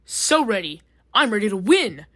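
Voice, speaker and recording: A woman voicing a chaotic, rambunctious male drill who blurts and yells. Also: high-pitched, lively intonation, fairly quick, dry recording, clean studio sound, voice pushed up. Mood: rowdy. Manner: loud, blurting, boastful. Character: pushy rowdy male drill object.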